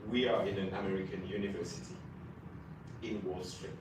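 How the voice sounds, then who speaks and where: A man moderates a panel, feeling his way through long, hesitant questions. His voice is low and heard from a distance. The room rings with heavy echo, and a clear hum of ambience sits behind him. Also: steady tone, a little fast. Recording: echoey room, distant mic, noisy ambience.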